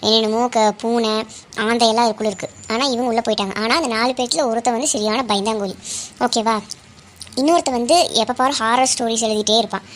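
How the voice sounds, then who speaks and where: A woman's voice: on the high side, slight background noise, close to an everyday voice. A woman voicing a chatty girl telling a ghost story at camp, often asking "okay?". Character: chatty storyteller girl who scares easily.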